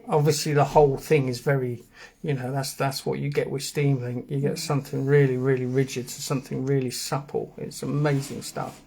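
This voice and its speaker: A man's voice: mid-range voice, gravelly. Chatty Geordie man explaining. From England. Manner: rambling, casual, explains step by step. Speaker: host. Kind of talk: live stream demo and chat.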